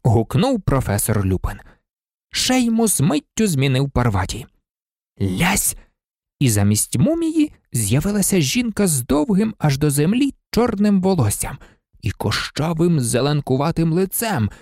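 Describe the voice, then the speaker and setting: A reader narrating a storybook expressively, with pitch shifting for drama. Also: wildly swooping pitch, normal speed, a little mellow, dry recording, clean studio sound. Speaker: audiobook reader.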